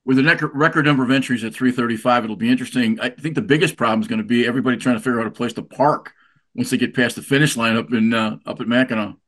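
A man's voice: mid-range voice, racing, fairly bright tone. A man hosting a sailing show, chatting casually with guests at a marina and often repeating words as he thinks. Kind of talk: casual interview.

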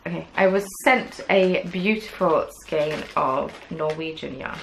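Speaking in a deep, creaky, unhurried voice, a young woman hosts a knitting podcast and chats casually to camera. She rambles, dropping plenty of "um"s and playful asides, from a small indoor craft room with yarn shelves. There's background noise, and the camera is at desk distance.

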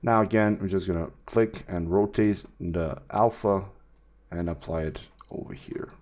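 A 3D art tutor with a low voice leads a 3D texturing tutorial over a screen recording. He talks in an unhurried, relaxed way, with many fillers and restarts.

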